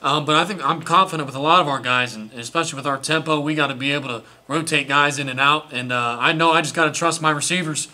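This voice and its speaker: A man's voice: a little high, fast, few pauses, pushed and bright. A young man, a college quarterback, answering post-game press questions earnestly, with many small restarts. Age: young adult. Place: indoor press room before sponsor backdrop.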